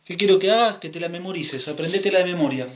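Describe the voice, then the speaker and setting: Rioplatense male music teacher, recorded class, sings and counts beats, a bit high-pitched. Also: quick pace, dull audio. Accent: Rioplatense Spanish. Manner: sings rhythm syllables and counts steps while explaining.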